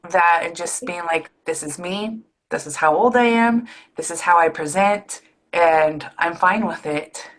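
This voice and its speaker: A woman's voice: lowish voice, fairly bright tone. A woman in her forties hosting a podcast, talking in a loose, reflective, casual way with a few fillers. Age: 30s or 40s. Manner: reflective, loose, sprinkles fillers and mild swearing. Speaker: podcast host. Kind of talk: casual interview chat.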